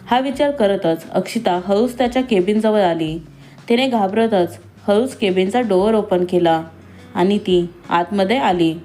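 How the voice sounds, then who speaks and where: Mellow-voiced woman narrating a love story. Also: mid-range voice, measured pace. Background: faint music.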